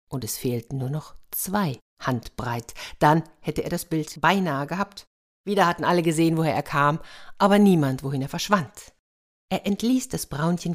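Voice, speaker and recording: A woman narrating a fairy tale for an audiobook in a lively way, speaking to her listeners. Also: sits low. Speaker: storyteller.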